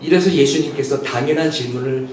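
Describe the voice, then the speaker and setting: A man's voice: medium pitch, quick pace, darkish tone, slight background noise. A man preaching a Sunday sermon as pastor, earnestly acting out the questions and voices he quotes. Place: church sanctuary. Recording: echoey church hall picked up from a distance.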